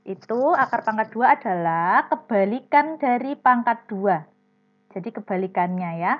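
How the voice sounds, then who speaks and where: Over a video call, a woman with a fairly high voice teaches a primary class, patiently explaining each step and calling pupils by name. She's animated and moderately paced, and the dull, lo-fi audio carries a faint mains hum.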